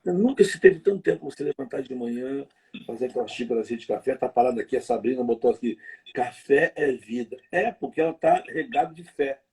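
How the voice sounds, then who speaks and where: Gravelly, husky preacher man. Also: mid-range voice. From Rio de Janeiro. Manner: lively storytelling, slangy, quick asides. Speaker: preacher guest on a livestream. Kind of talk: conversational preaching.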